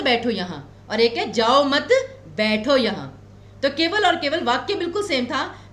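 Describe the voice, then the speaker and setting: Woman coaching-class teacher, Himachali Hindi accent, reassuring, high animated pitch. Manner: explains patiently, repeats key points slowly; reassuring, tells students not to worry. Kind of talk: exam coaching lecture. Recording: echoey room.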